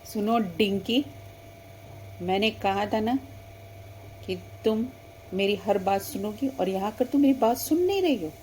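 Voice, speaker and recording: A woman's voice: mid-range voice, unhurried, long pauses, darkish tone, slight background noise, lightly acted. Woman doing a bossy mean girl. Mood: scolding. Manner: menacing, scolding.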